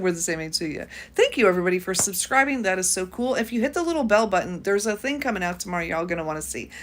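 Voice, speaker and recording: A woman's voice: mid-range voice, fairly bright tone. Chatty American woman in her fifties. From United States. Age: 50s. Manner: chatty, reads out viewer comments. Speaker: YouTube host. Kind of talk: casual livestream chat.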